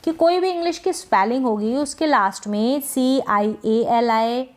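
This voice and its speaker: A woman teaching English pronunciation as a lesson, explaining rules and asking and answering her own questions. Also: fairly high pitch. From India. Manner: slow, careful spelling-out of sounds.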